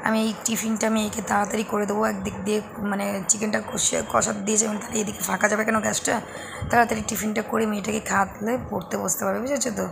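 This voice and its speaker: A hoarse woman chats away to her viewers from her kitchen. Her voice sounds gravelly and worn, and her pitch stays fairly flat. The home recording carries a steady hum of background noise. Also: rapid-fire. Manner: chatty, addresses viewers directly. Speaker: vlogger, mother. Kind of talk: casual home vlog narration.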